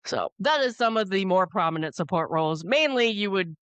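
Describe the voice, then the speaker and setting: A woman's voice: medium pitch, animated, a little fast, smooth, dry recording, dull audio. A woman co-hosting a review show in casual chat, talking informally and often correcting herself as she goes. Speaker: co-host of a drama review show.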